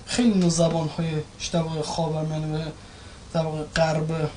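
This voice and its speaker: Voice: medium pitch, little pitch movement, mellow. A participant in a class discussion, speaking hesitantly and searching for words. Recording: distant mic with faint noise.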